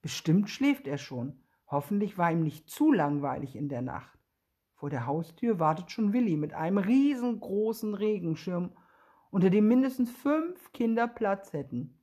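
A woman reading a children's story aloud in a gentle, expressive way, with a husky voice. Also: medium pitch, normal speed.

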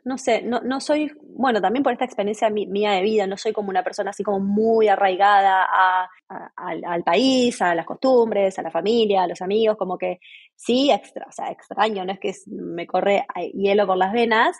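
A woman's voice: mid-range voice, moderate pace, husky. A woman in her forties with an Argentine accent, a podcast guest talking freely and telling stories with many restarts. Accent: Argentine Spanish. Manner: chatty, many restarts, lively storytelling. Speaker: interview guest. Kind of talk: casual podcast conversation.

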